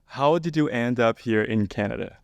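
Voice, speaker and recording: Smooth, clear-voiced male podcast host. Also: medium pitch, normal speed, no room sound, lo-fi sound. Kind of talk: conversational interviewing.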